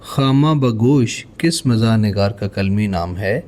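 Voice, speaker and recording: A man with a Pakistani accent teaching an exam-prep lesson, reading out each question and then explaining the answer in a measured way. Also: lowish voice, a little mellow.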